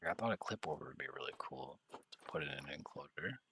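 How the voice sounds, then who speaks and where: A young man streaming a zoo-building game, rambling and thinking aloud in a relaxed, mumbling way. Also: a bass voice, fairly quick, vocal fry, noisy background. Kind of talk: relaxed gameplay chat.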